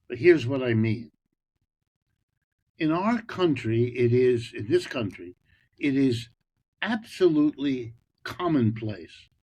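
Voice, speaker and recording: An older American man explains his view at length, leaning on emphatic stresses and breaking into frequent restarts. His voice sits at an ordinary middle pitch for a man. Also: darkish tone, low-quality recording. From United States. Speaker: guest economist. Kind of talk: conversational explanation.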